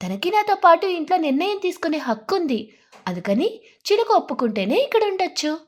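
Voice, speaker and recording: A woman voicing a kind female sparrow in an animated story, speaking earnestly and reasoning gently. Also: extremely high pitch, brisk, voice pushed up. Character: female sparrow, kind, fair-minded homeowner.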